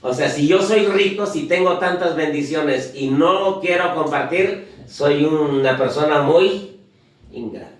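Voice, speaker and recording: A preacher delivering a sermon, asking the congregation questions and counting off points. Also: male voice, on the high side, a little slow, distant mic. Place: church. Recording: echoey church heard from afar.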